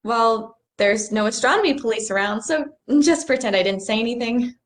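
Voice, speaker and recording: Young actress doing a nerdy earnest girl who looks stuff up, kinda high voice, says sorry a lot. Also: animated, moderate pace, close to an everyday voice. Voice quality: earnest, slightly apologetic. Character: earnest nerdy young woman explaining the stars. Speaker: actor in a rehearsed play reading. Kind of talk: stage play reading.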